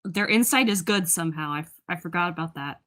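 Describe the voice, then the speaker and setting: A woman's voice: lowish voice, quick pace, a bit bright. A woman playing in a tabletop role-play, laughing often as she talks. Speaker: player.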